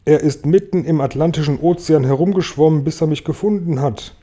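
A man's voice: on the high side, fairly quick, mellow, pitched above the performer's own voice, close to an everyday voice. Man putting on a vain whining centipede. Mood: breathless. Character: vain fussy male centipede, breathless.

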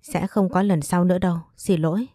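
A woman's voice: lowish voice, fairly quick, mellow, dry recording, soft background music, natural voice. A woman voicing a frightened male gang leader who pleads and apologizes. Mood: pleading.

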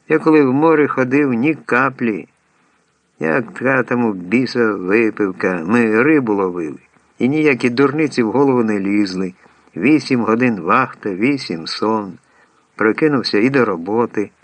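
A man voicing a loud, boastful, drunken old sailor who brags in a coarse, bellowing way. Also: medium pitch, animated, unhurried, no echo.

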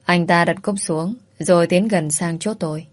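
A woman telling a first-person story in an even, soft-spoken way. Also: fairly low pitch, normal speed.

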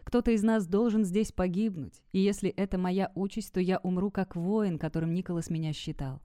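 A woman narrating a dark fantasy novel in first person, reading dramatically. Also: lowish voice, fairly even intonation, fairly quick, no room sound, clean studio sound. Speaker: audiobook narrator. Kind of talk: fiction audiobook narration.

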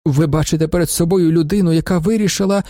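A man doing a shrill melodramatic swindler. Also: steady tone, quick pace, mellow, dry recording, clean studio sound, natural voice. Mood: agitated. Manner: agitated, high-pitched, melodramatic. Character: overwrought male swindler, middle-aged, theatrical, pleading.

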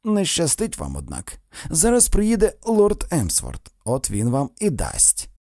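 A man's voice: a little high, wildly swooping pitch, unhurried, warm tone, no room sound, studio quality, voice pushed up, exaggerated voice. Overbearing young woman, raised voice, mocking, as a male narrator puts her on. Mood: gloating. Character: domineering sharp-tongued young woman.

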